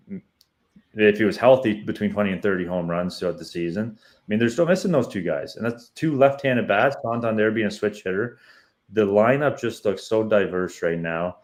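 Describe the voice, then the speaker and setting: A man with a Canadian accent co-hosting a podcast, giving confident, opinionated baseball analysis. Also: lowish voice. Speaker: podcast co-host. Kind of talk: casual sports analysis.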